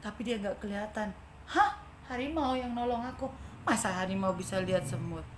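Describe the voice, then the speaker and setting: A woman's voice: medium pitch, normal speed. A woman with an Indonesian accent telling a children's story in church, often asking the children questions. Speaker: Sunday school teacher. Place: church hall. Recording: echoey church hall, faint noise.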